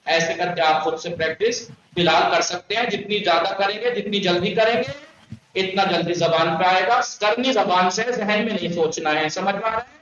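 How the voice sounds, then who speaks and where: A man teaching an online language class, drilling words slowly for students to repeat. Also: high-pitched, a crowd in the background. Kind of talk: online Persian lesson. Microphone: online class call. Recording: echoey, distant, lo-fi online call.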